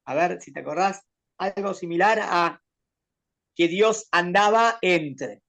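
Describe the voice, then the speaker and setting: A man leads a Torah lesson, speaking in a somewhat high voice with plenty of creak and gravel. He explains patiently and keeps checking in with his student through questions. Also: slow pace, a bit bright. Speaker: rabbi teaching a Torah class.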